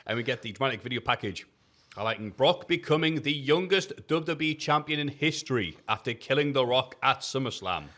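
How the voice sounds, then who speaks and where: A man's voice: medium pitch, lively intonation, fairly quick, pushed and bright. A man reading out his written review on a casual podcast. He is jokey and laughs often, with a few swears thrown in. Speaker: podcast co-host reviewing wrestling.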